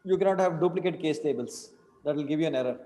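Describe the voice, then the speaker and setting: A man's voice: on the high side, quick pace, dark tone. A young man with an Indian accent teaching an online class, informally, repeating instructions and checking with questions. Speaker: programming teacher. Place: small indoor room. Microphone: computer mic on a video call. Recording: echoey, reverberant room.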